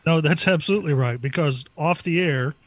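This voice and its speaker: A man's voice: fairly high pitch, fairly quick, a little hiss or hum. A man co-hosting a morning radio show in casual, amused banter, sounding short of breath.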